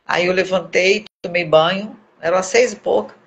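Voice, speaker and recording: A middle-aged woman, giving an earnest, emotional personal testimony as a guest on a live stream, with halting repeats. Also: on the low side, vocal fry, rough recording. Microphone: phone or webcam on a live video.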